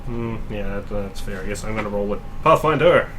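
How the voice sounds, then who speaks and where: A man's voice: lowish voice, level tone, fairly quick, noisy background. A man playing a tabletop game, chatting casually and hesitantly as he thinks through his moves. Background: music.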